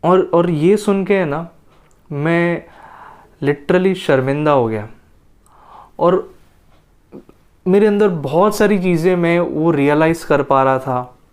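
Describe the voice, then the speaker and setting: A man, a motivational speaker, telling a personal story in a playful, dramatic way, with mock stammers and sudden leaps in pitch.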